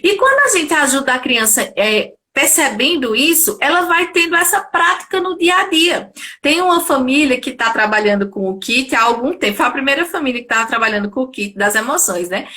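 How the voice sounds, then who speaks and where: A woman with a high, bright voice that swings widely as she talks. She explains things as a pedagogue in a live chat, animated and quick to laugh, often telling stories from her own family. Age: adult mother. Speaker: pedagogue, guest. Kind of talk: live conversational talk.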